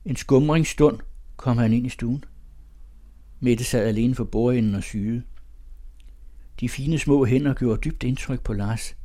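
A man reading a literary story aloud as narrator, in calm, measured storytelling. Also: mid-range voice.

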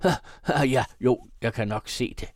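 A male audiobook reader voicing a tipsy, excitable young man, the narrator's elder brother, in loud outbursts. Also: no room sound, studio quality, natural voice. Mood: boisterous. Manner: loud, excitable, high-strung. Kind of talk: audiobook character voice.

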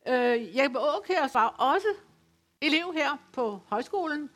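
A woman from West Funen giving an academic lecture, speaking in a measured, explanatory way with occasional hesitations. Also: sits high, animated, fairly bright tone. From West Funen, Denmark. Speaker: lecturer on dialect literature. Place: folk high school lecture venue.

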